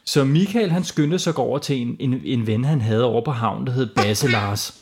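A man improvising a playful children's bedtime story as host, with lively narration. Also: medium pitch.

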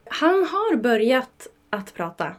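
On a casual podcast chat, a young woman speaks as a parent, telling stories with lively, animated delivery and jumping high in pitch when quoting.

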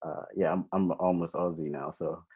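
Deep-voiced man hosting over a muffled call. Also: steady tone, moderate pace, mellow, breathy edge. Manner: rambling, enthusiastic. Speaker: podcast host. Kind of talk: casual interview chat.

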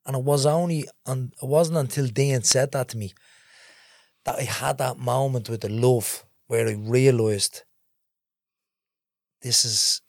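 A man's voice: on the low side, vocal fry, no echo, studio quality. Earnest Dublin man telling his story. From Ballymun, Dublin, Ireland. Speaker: interview guest. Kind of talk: candid storytelling.

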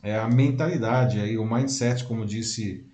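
A man with a mellow, darkish voice talks through the topic as co-host of a live show. He explains at length and keeps checking in with little tag questions. The sound is roomy and echoey. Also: lowish voice, a little slow. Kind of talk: casual commentary on a live show.

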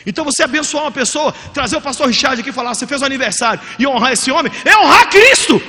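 High bright-voiced Brazilian pastor preaching. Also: male voice, very fast, long reverb tail. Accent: Brazilian Portuguese. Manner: energetic, humorous, acts out quotes. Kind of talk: sermon.

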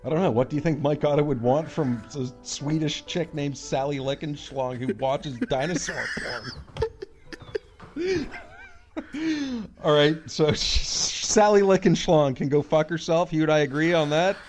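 A man's voice: a little high, measured pace, soft background music. A man co-hosting a comedy podcast, talking loosely with laughs and swearing. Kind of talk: casual comedy banter.

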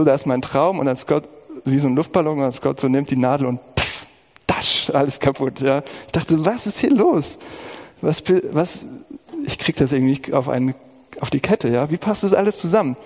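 A man's voice: medium pitch, darkish tone, in a large hall. A middle-aged man preaching a sermon as pastor, talking earnestly and personally, with emotional outbursts.

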